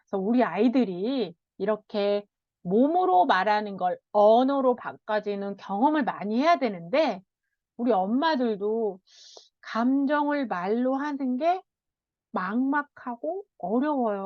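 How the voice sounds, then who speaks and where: A woman child counselor giving a parenting lecture, animated, often laughing and acting out what children and parents say. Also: fairly high pitch, a little slow, dry recording. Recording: dull, dry sound.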